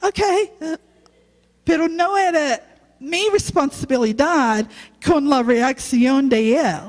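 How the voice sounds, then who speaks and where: Woman preacher, slow halting sermon in a church with long reverb. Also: sits high. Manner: halting non-native Spanish, slow and earnest. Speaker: guest preacher, youth pastor. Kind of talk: sermon with personal testimony.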